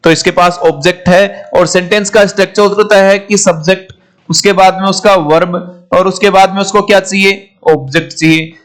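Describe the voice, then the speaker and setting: A man's voice: high-pitched, steady tone, normal speed. A man teaching an English grammar class, asking questions and repeating the answers, calling his students "my children". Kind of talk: classroom lecture.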